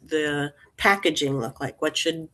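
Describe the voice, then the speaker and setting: A woman's voice: sits low, steady tone, a little slow, bright, forceful tone. A woman in her sixties, an interview guest, talking in a thoughtful, meandering way with restarts and small laughs. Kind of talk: casual interview talk.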